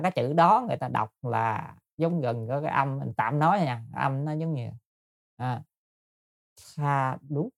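A man's voice: mid-range voice, vocal fry, no echo, studio quality. A man giving a Buddhist dharma talk, explaining patiently and politely to his listeners with frequent hesitations. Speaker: Buddhist teacher.

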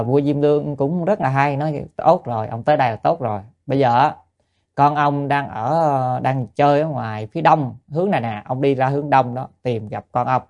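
Gravelly preacher. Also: male voice, mid-range voice, a little mellow, dull audio. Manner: gravelly, asks listeners rhetorical questions. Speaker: Buddhist teacher. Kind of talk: dharma talk with storytelling.

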